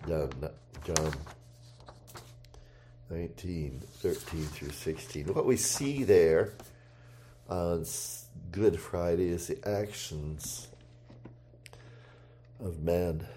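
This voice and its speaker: A man preaching a sermon, reading scripture aloud and rising in voice for the quoted shouts. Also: sits low. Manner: slow, deliberate delivery with pauses and fillers.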